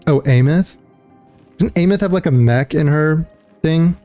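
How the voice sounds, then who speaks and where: A man's voice: on the high side, measured pace, mellow, soft background music. A young man streaming a game and chatting casually, rambling with lots of fillers and calling people dude and bro. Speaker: livestreamer. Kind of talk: casual gaming chat.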